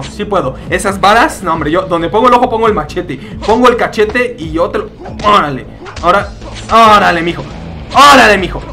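A young man with a Mexican accent giving excitable, jokey commentary while he plays a fighting game. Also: high-pitched. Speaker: gaming YouTuber. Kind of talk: gameplay commentary.

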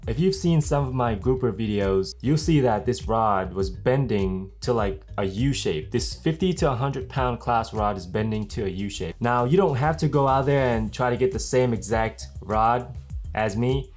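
A young man vlogging casually to camera, chatty and relaxed, often tossing in "man". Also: medium pitch. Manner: laid-back, chatty, says "man" a lot. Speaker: fishing vlogger. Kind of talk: casual gear talk to camera. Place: small indoor room with blue wall. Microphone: camera-mounted shotgun mic.

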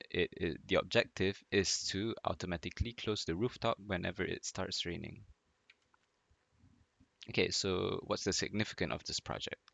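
A young man from Malaysia talks through his class project in a low voice with a gravelly edge. He pauses often and fills the gaps with small hesitations, apologizing along the way. The sound is dry and close, as from a headset at a home desk. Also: fairly bright tone, dry recording. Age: young adult. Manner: hesitant, apologetic, many fillers. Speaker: student presenter.

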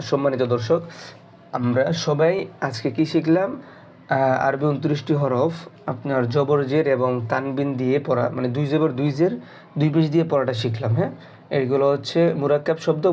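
A man's voice: medium pitch, steady tone, brisk, a little mellow, muffled recording, a little hiss or hum. A Bangladeshi Bengali-accented man teaching Quran reading, spelling each letter and vowel mark and then blending them into words. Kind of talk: slow syllable-by-syllable recitation lesson.

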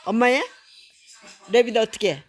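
A woman's voice: on the high side, moderate pace. An older woman, a grandmother, reading a picture book aloud to a small child in a playful, coaxing way, imitating animal sounds.

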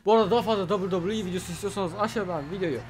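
A young man with a sore throat doing casual, excitable let's-play commentary, trash-talking his opponent and bursting into loud shouts. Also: sits high, rapid-fire, a little hiss or hum. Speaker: gaming channel host.

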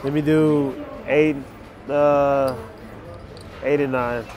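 A man's voice: medium pitch, level tone, extremely slow, a little mellow. A man chatting casually as he plays craps, repeating short rooting phrases and counting chips aloud. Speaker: craps player. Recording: music behind the voice.

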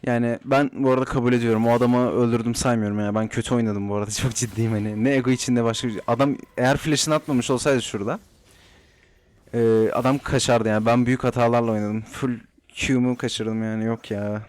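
A man's voice: mid-range voice, fairly even intonation, fast, a little mellow. Young male gamer, casual running commentary, self-talk and teasing, home desk mic. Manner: chatty, talks to himself, teasing opponents. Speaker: gaming YouTuber. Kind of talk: live gameplay commentary.

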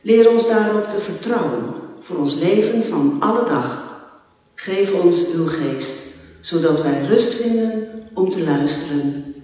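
A man leading a church prayer and reading scripture aloud in a slow, measured, solemn way. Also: sits high, expressive, a little mellow. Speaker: worship leader reading scripture. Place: large church. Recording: echoey church hall, mic far off.

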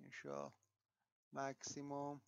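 Man talking through a software tutorial. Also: mid-range voice, big pitch swings, slow, smooth, no room sound, dull audio. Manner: unscripted, thinking aloud, frequent fillers and restarts. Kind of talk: screen-recorded software tutorial.

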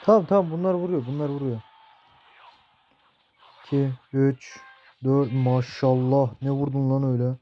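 A young man in his late teens giving casual gameplay commentary, cursing and blurting out excited reactions as he plays. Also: medium pitch, normal speed, pauses often, lo-fi sound. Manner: profane, excitable outbursts while playing. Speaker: mobile gaming youtuber.

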